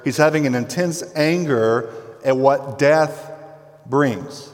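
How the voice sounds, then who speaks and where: A pastor preaching a sermon in a conversational, emphatic way, dropping to quiet intensity on key words. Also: male voice, medium pitch, slow. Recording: long reverb from a hall.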